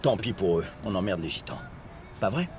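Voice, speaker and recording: An actor playing a coarse, bitter police officer in a crime drama, with a scornful, sweary way of talking. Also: male voice, low-pitched, animated, a little fast, faint music behind. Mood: bitter contempt. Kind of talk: French-dubbed crime drama dialogue.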